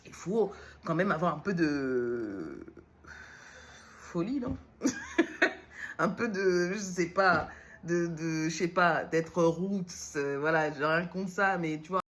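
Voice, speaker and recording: A woman's voice: lowish voice, animated, slow, long pauses, fairly bright tone, slight background noise. A woman from Lyon talking casually to camera as a vlogger and new entrepreneur, rambling and self-mocking as she jumps between topics. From Lyon, France. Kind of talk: casual direct-to-camera talk.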